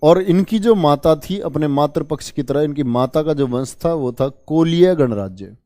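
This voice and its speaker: A male teacher leads an online exam-prep history lesson with a somewhat high, mellow voice. He repeats each term and keeps quizzing his students, calling them children. The sound is dry and close, with no room echo. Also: moderate pace. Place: online class.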